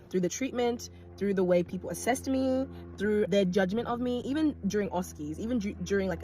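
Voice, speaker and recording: A young woman speaks quickly in a slightly low voice. She tells a personal story with animated bursts of high exclamation. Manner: animated, talks fast with sudden high exclamations. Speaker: nurse.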